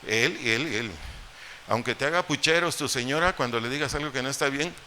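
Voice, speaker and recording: A man's voice: medium pitch, a little fast, sharp tone. A man with a Mexican accent preaching a sermon as pastor, explaining scripture with rhetorical questions and humorous asides. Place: church hall. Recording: echoey church hall, faint noise.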